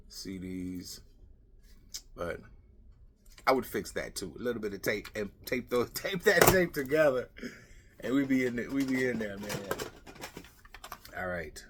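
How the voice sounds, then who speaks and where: Sorting through his stuff, this middle-aged man hosts a vlog in a casual, rambling way, muttering little asides as he goes. He has a lowish, slightly bright voice. Clicking and clattering noises are clearly audible in the background.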